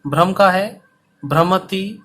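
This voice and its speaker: High, bright-voiced male teacher. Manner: slow, dictation-paced explanation. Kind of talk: Sanskrit lesson for school students. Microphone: recorded for online video.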